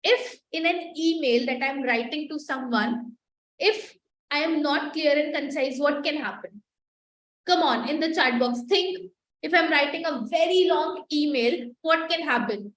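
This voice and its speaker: A high-voiced young woman teaches communication skills to a live online class. She is emphatic and repetitive, urging her students again and again to type their answers in the chat. Her voice carries a roomy echo over faint background noise. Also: unhurried, a bit bright. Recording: echoey room with faint noise.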